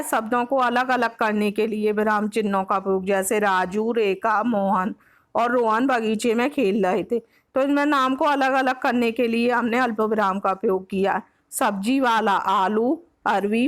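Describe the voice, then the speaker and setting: A woman teacher with a Hindi accent from Uttar Pradesh, explaining grammar for an exam-prep lesson, patiently repeating each point and slipping English words into her Hindi. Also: fairly high pitch. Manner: mixes English words like next and example into Hindi.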